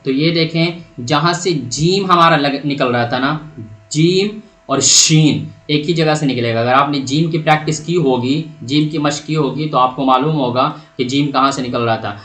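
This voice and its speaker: Man, Quran reading teacher, patient explanations, drawn-out letter sounds, slightly high voice, echoey room. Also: a bit bright. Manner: patient, asks questions then answers them; stretches out letter sounds to demonstrate. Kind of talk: step-by-step pronunciation lesson.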